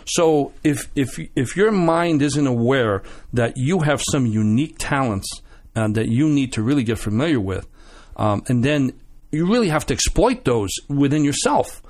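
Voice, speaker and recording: A man guest on a radio show, telling animated stories with many restarts and acted-out quotes. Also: mid-range voice, moderate pace. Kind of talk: casual storytelling chat.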